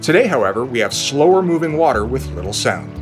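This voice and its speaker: A man in his thirties hosting an outdoor fishing show, wading in a small river and talking in an upbeat way that gets excited when a fish bites. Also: mid-range voice, quick pace, music in the background.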